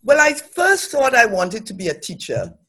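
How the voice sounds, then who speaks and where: Very animated and fairly bright, her slightly high voice carries a breathy edge at a normal speed. She is a middle-aged Trinidadian academic and development professional, the guest in a reflective interview, speaking with thought and earnestness.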